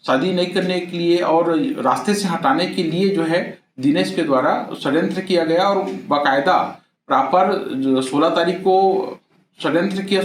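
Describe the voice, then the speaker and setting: A middle-aged man, a police officer, gives a measured, halting press statement with frequent pauses. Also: sits high. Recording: echoey, distant mic, faint background noise.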